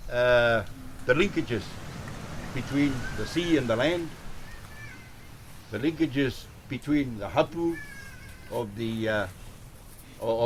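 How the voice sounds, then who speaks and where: A man speaks formally and deliberately at a ceremony, his voice a touch high. Faint noise sits under the outdoor recording. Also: rough recording. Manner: measured, with pauses and uh fillers.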